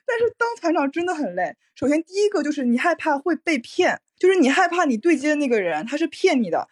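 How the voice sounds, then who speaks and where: A woman's voice: high voice, sing-song, fast. A woman co-hosting a podcast, chatting casually with many fillers and frequent laughter. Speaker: podcast co-host.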